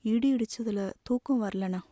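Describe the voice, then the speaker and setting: Caring younger sister as a woman reads her, tearful and pleading, slightly raised voice, mellow dark tone. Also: a little high, unhurried, no echo, studio quality, lightly acted. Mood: gently reproachful.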